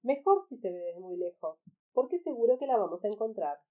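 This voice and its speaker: A woman voicing a slow, kind male snail who speaks gently and reassuringly in a read-aloud storybook. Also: mid-range voice, very animated, close to an everyday voice. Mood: curious.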